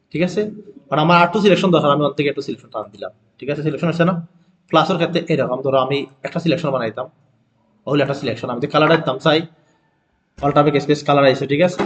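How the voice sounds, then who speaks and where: A man teaching a design software class, repeating steps and often checking that his students follow along. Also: on the high side, dull audio. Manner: keeps asking students if they follow; repeats steps and self-corrects. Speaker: design instructor. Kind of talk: screen-recorded software tutorial.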